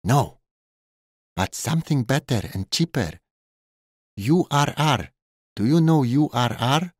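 Thai bartender, male, voiced by a male narrator, Thai accent, high, loud, grinning hustler in broken English; dry booth sound. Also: very animated, slow, dry recording. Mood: hushed.

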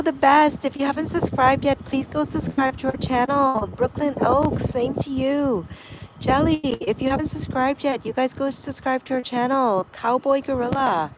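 A woman's voice: fairly high pitch, noisy background. A woman hosting a casual livestream outdoors, reading viewer comments aloud and greeting them one by one. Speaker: livestream host. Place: windy backyard outdoors.

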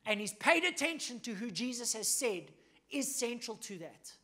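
A pastor from South Africa preaching a sermon in a punchy, emphatic way, swinging between loud bursts and hushed asides and often checking in with "okay?" and "right?". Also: male voice, very high voice, very animated, normal speed.

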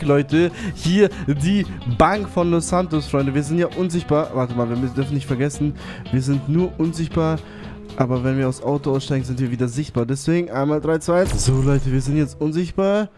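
Man, gaming YouTuber, somewhat high voice, panicky, excitable, music behind. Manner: excitable, panicky, addresses viewers. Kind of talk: game commentary.

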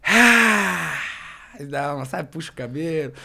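A young man and actor, chatting casually as a podcast guest in a slangy, rambling, animated way. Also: on the high side, unhurried, creaky, over a noisy crowd.

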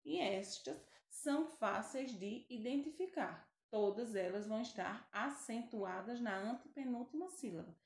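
Brazilian female teacher, slow and deliberate, higher voice, echoey room. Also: lively intonation, gravelly. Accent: Brazilian Portuguese. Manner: slow, deliberate, stretches example words, checks in with "certo?". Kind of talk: recorded grammar lesson.

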